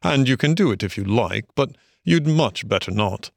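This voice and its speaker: A man's voice: mid-range voice, expressive, normal speed, vocal fry, no echo, clean studio sound. A man reading a storybook aloud, voicing a genial, dreamy male water rat who speaks solemnly and enthusiastically.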